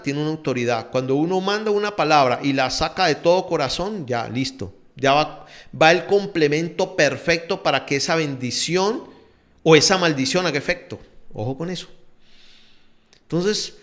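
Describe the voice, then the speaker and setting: A man preaching a sermon in an emphatic, conversational way, repeating key phrases. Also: on the high side. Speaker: pastor. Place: church.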